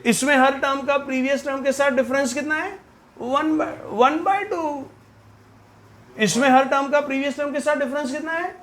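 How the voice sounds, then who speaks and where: A man's voice: extremely high pitch, fairly even intonation, normal speed, a bit bright, a little hiss or hum. A man teaching a maths class, teasing and joking with his students. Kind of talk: classroom lecture.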